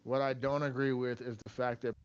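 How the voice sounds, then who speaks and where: A man's voice: medium pitch, little pitch movement, fairly quick, smooth, no room sound. A man talking casually over a video call, his voice breaking up on a bad internet connection and restarting to get his words in. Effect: voice cutting out over a bad internet connection. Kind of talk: casual group chat. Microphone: computer over a video call. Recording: dull lo-fi online call audio.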